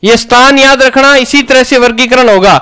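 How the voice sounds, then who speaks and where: A man's voice: very high voice, moderate pace, sharp tone, clean tone. A man teaching a grammar lesson, asking questions and answering them himself.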